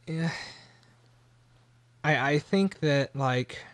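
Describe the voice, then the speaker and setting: A man hosting a casual podcast chat, animated and rambling, often restarting his sentences. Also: fairly high pitch, drawn-out words, no room sound. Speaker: host.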